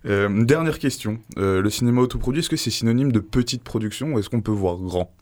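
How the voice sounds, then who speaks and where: A man's voice: mid-range voice, quick pace, a little mellow. A man co-hosting a live radio show, casually asking a guest questions. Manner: curious, asks questions casually. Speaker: radio co-host.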